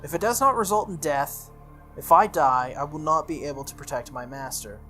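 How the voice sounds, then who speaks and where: A man with a rather high, sharp voice speaks a little fast as he voices a stoic, dutiful young female sword-wielding servant from a visual novel. The character read-aloud is formal and matter-of-fact, solemn and firm in mood, with music running beneath the voice.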